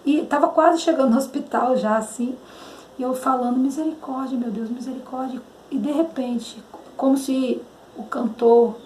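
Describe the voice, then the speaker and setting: In an echoey room with faint noise, a Brazilian woman gives her religious testimony, pausing to search for words and breaking into hymn lines. She speaks with a Brazilian Portuguese accent in a slightly high, warm voice.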